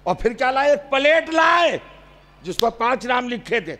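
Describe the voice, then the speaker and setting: A middle-aged man preaching a passionate religious sermon, firing rhetorical questions at a seated audience, swinging from quiet asides to shouted climaxes. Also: sing-song. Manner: drops to low, intimate asides between outbursts. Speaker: Shia cleric preaching a majlis.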